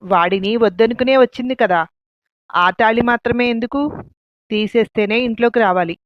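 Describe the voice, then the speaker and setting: A woman's voice: on the high side, moderate pace, lightly acted. A woman voicing a stern, angry middle-aged father who speaks in harsh commands. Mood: commanding. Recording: dull lo-fi, dry.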